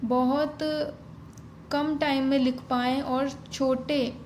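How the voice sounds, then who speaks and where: A woman's voice: sits high, level tone, takes it slowly, darkish tone. A woman teaching shorthand, spelling out each stroke one by one in a patient step-by-step tutorial. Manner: spells out strokes one by one, mixing Hindi and English. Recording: faint ambient noise.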